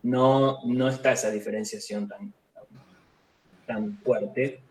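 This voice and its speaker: Male teacher, patient and unhurried, roomy echoey sound. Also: medium pitch, fairly even intonation, a crowd in the background. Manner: patient, explains pronunciation slowly syllable by syllable. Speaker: Lithuanian language teacher. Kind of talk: live online class with students.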